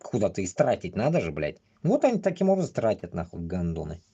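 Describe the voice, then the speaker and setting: A man rambles on a livestream, swearing constantly and bluntly in halting, choppy phrases. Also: low voice, wildly swooping pitch, dark tone, husky, highs cut off. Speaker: livestream host. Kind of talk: casual rambling live commentary.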